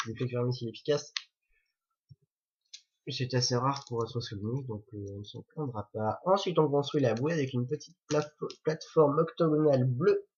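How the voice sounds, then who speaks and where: A man's voice: mid-range voice, moderate pace, a little mellow, husky. A man reviewing a toy set in a chatty, jokey way, correcting himself as he goes. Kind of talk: casual building commentary. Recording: dull lo-fi recording.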